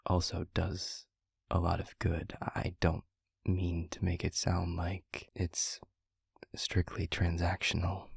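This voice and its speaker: In an intimate audio roleplay, a man voices a gentle, reflective demon in a very breathy, husky, half-whispered tone. His low voice stays even, with soft, measured phrases that hesitate as he thinks. The performance is heavily acted, and the clean studio sound has no echo.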